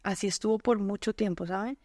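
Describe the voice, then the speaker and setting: A woman's voice: medium pitch, steady tone, a little mellow, dry recording. Colombian woman telling her faith story on a podcast, earnest, laughs easy, dry close mic. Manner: earnest storytelling, quick to laugh, quotes herself and God. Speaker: guest. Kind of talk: personal faith testimony in conversation.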